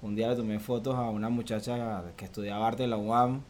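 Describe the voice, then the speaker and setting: A man's voice: on the low side, little pitch movement, brisk, darkish tone. Young Venezuelan man, guest on a chat podcast, easygoing and chatty, laughs between bites of hot wings, faint noise behind. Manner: chatty, laughs while eating spicy wings. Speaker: guest photographer. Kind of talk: casual interview chat.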